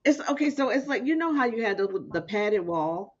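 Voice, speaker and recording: A woman's voice: medium pitch, animated, moderate pace, highs cut off. A woman chatting casually as a guest on a video call, rambling and often restarting her sentences.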